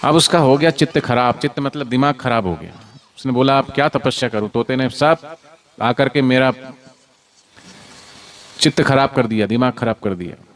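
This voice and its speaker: Lively male devotional storyteller. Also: medium pitch, normal speed, long pauses. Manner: animated, call-and-response prompts. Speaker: spiritual storyteller.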